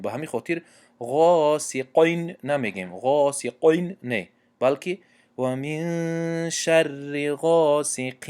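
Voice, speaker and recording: A man with a Tajik accent teaching tajweed, reciting Quranic examples slowly and drawn out, then explaining quickly with hesitations and self-corrections. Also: on the low side.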